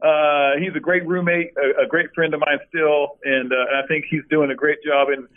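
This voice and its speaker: A middle-aged man talking over a tinny, phone-like line, his voice sitting a little high. He tells stories in a casual interview, often restarting his sentences. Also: moderate pace. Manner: storytelling, many restarts, animated when quoting. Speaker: former college basketball player, guest.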